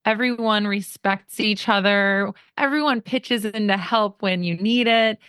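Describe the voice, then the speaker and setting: An upbeat woman hosting a podcast, talking at a middle pitch. Her voice sounds dry and close, with no room around it. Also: measured pace, fairly bright tone, clear, resonant tone, dry recording. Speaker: podcast host. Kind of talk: podcast interview.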